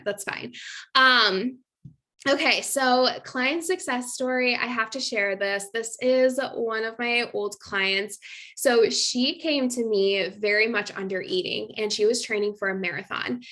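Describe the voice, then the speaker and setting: With a mid-range, slightly bright voice, the young woman coaching nutrition chats her way through an informal online masterclass, using lots of fillers and laughing between points.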